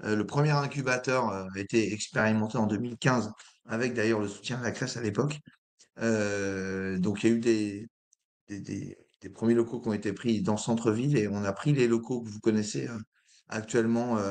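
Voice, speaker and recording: A hoarse man presenting a project in an online meeting, hesitating often with fillers. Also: lowish voice, steady tone, brisk. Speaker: presenter of an incubator.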